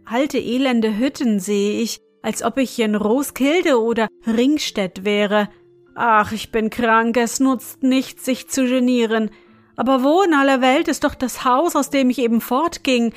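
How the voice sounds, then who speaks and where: A woman's voice: a little high, unhurried, soft background music, natural voice. A woman voicing a fretful, bewildered older male councillor who complains plaintively in a storybook reading.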